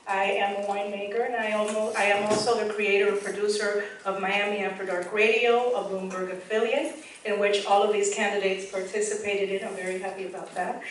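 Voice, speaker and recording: A woman briskly listing her credentials in a campaign speech at a community forum. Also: medium pitch, a little hiss or hum. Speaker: candidate, educator and radio producer. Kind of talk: public speech. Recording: echoey hall from far off.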